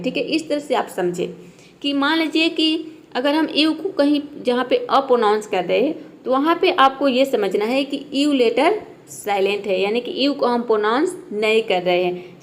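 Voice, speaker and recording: A woman with a high voice, middle-aged, teaching a basic lesson. She explains step by step in a patient manner. She keeps checking in with her listeners as she goes. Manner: patient, repeats "theek hai" often. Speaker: English teacher. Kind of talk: classroom-style lesson.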